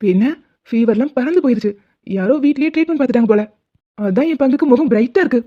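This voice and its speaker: Brief: a teasing, upbeat young lover, brisk and a bit high, dull lo-fi sound. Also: female voice, lively intonation. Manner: teasing, playful banter. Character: cheerful young man in love, teasing. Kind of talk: animated web series dubbing.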